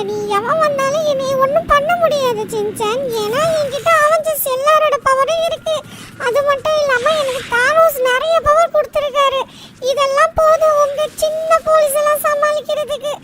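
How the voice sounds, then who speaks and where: Brief: a boastful possessed cartoon boy, very high and squeaky, distant in loud game noise. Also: fairly even intonation, normal speed. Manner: boastful, threatening, shouting at others. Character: small cartoon boy's body ruled by an evil power, boastful.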